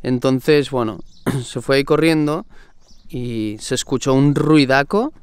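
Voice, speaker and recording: Young man, chatty slangy vlogger, smooth clear voice, mid pitch. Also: a little slow, no room sound. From Spain. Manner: chatty, laughs often, slang-heavy. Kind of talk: casual vlog talk.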